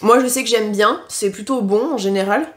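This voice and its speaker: A woman's voice: a little high, brisk. A woman chats through a snack taste test in a casual, frank way. She stops often on filler sounds and restarts her sentences as she works out what to say. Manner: chatty and frank, leaning on "franchement" and "concrètement"; hesitant, with frequent filler sounds and self-corrections. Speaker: food tasting vlogger.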